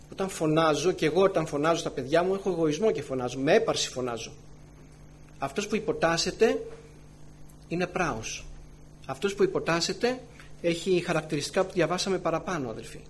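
Church elder, male, sermon delivery; earnest, slightly high voice, swings loud to hushed, faint hum underneath. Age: adult with wife and children. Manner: earnest, often calls the listeners brothers and sisters; swings between loud emphatic phrases and soft low asides.

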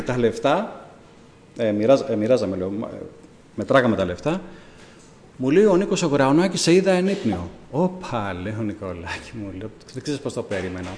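Lively man giving church testimony in a reverberant hall. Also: mid-range voice. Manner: animated storytelling, acting out dialogue.

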